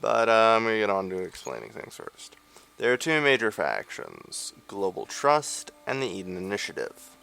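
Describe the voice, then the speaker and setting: A man's voice: lowish voice, big pitch swings, moderate pace, gravelly, bright, forceful tone, smooth. A young man hosting a let's play, giving rambling, sarcastic gameplay commentary into a desk microphone. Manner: rambling, sarcastic, many fillers.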